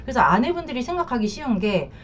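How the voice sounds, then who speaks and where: A woman counselor talks frankly and colloquially, her pitch bouncing up and down with lively expression. She slips into quoted voices as she explains. The recording sounds dull and lo-fi. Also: quick pace, a little hiss or hum. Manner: blunt and colloquial, acts out quoted lines. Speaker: marriage and infidelity counselor. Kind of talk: advice talk to camera.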